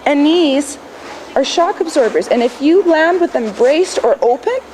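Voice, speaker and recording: A woman coaching a horse riding lesson, projecting brisk commands and corrections with short explanations. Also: high-pitched, animated, darkish tone. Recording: clearly noisy riding-lesson ambience.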